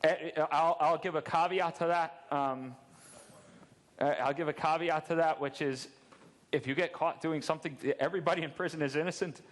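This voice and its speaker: A man in his thirties, speaking into a headset mic on a large dark convention stage, answers audience questions after his security talk at a game convention. His voice is on the high side, with fairly even intonation and a moderate pace. He is candid and joking, frequently restarting his words.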